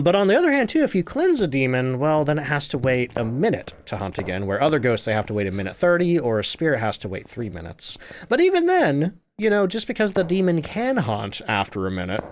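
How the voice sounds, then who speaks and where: A man's voice: mid-range voice, big pitch swings, a little fast. A man streaming a game live, chatting, reading viewer comments aloud and laughing often.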